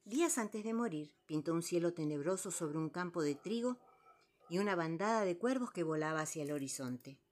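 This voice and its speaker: A woman narrating in a soft, reflective way. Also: lowish voice, expressive, moderate pace, slight background noise. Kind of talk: calm narration.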